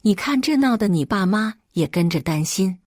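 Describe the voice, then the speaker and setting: A woman's voice: mid-range voice, expressive, moderate pace, darkish tone, no room sound, studio quality, natural voice. A woman reading the part of a weary husband who coaxes his wife in a sighing tone. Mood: coaxing. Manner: sighing, coaxing.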